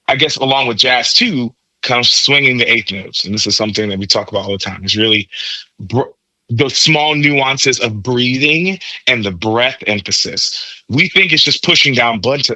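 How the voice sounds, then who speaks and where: A trumpet player appears as a podcast guest, explaining jazz tone and technique like a teacher and repeating words for emphasis. His voice is medium-pitched with a sharp tone, and the rough recording has no room sound.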